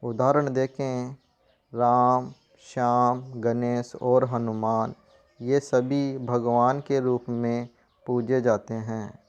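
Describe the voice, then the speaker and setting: A male teacher gives a grammar lesson at an unhurried pace, his voice smooth and clear but held to a flat, even pitch. The recording is dull and lo-fi, missing brightness. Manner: slow, even explaining with spoken examples. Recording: dull lo-fi sound.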